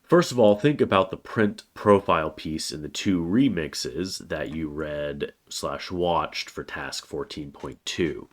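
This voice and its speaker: A college writing instructor with a very deep voice gives a recorded course overview lecture while slightly congested from a cold. He speaks slowly with few pauses, in a plain, steady manner with frequent "uh" fillers.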